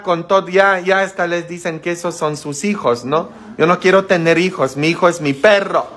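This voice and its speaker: A man's voice: high voice, sharp tone. A male priest giving a playful, teasing sermon, laughing often and asking the audience questions. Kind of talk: joking sermon to a congregation.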